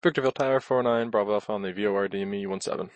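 A man speaking as a pilot over a headset, making brisk, procedural radio calls to air traffic control. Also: fairly low pitch, dry recording, highs cut off.

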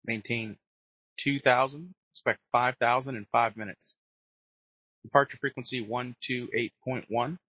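A man's voice: mid-range voice, fairly even intonation, measured pace, pushed and bright, slightly rough, no echo. A man giving procedural instructions as an air traffic controller over radio. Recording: muffled dry aviation radio.

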